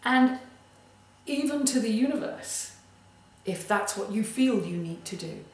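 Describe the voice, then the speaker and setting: Slow, deliberate woman in an echoey room. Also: on the high side, animated. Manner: slow, deliberate, emphatic delivery. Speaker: creativity coach. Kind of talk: motivational tip talk. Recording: very echoey room, distant mic.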